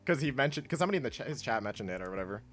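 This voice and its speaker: A congested young man chatting in a low-key, rambling way while streaming a game, laughing often. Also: sing-song, racing. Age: young adult. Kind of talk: casual gameplay stream chat. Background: quiet game music.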